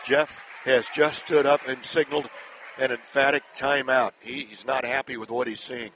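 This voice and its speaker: A man announcing a live high school basketball game play-by-play, brisk and climbing higher and louder when a play breaks open. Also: fairly even intonation, rough recording. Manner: brisk, rising sharply in pitch and volume on big plays. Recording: broadcast with loud crowd noise.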